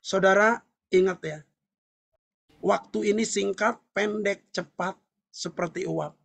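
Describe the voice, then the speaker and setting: Seorang pendeta pria menyampaikan khotbah dengan penuh semangat, sering berseru dan tertawa di sela poin. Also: male voice, high voice, slow, vocal fry. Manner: animated, shouting and laughing between points. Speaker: pastor. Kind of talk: sermon.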